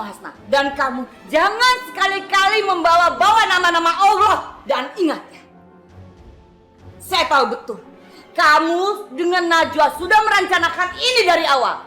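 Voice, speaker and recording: A scornful, scheming mother in a dubbed soap drama, sharp and insistent. Her voice sits very high and bright, ringing in an echoey room while faint music plays underneath. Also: exaggerated voice. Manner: accusing, mocking, insistent. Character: scornful scheming Indian mother, middle-aged woman.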